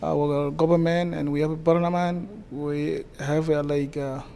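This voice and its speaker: Speaking as a guest, this community association president has a South Sudanese accent and replies to the interviewer with frequent hesitations. His pitch is fairly high and unvaried, his tone mellow with some gravel, and there's slight background noise.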